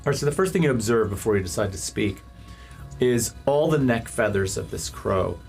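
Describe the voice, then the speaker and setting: A man improvising narration as game master of a tabletop game, in descriptive, stop-start phrases with dramatic pauses. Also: lowish voice, expressive, gravelly, darkish tone, faint music behind.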